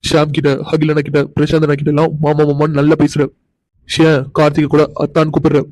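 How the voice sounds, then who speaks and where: A man's voice: on the high side, monotone, quick pace, darkish tone, dry recording, lightly acted, rough recording. A man voicing an insistent, doting young man in a cartoon, coaxing and pressing for answers. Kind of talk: cartoon voice acting.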